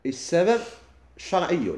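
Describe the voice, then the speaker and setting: A middle-aged man with a Moroccan accent, teaching a classroom lesson. He keeps asking his listeners quick questions and then answers them himself. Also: on the high side, sing-song, a little mellow, echoey room. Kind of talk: classroom lesson explaining legal theory.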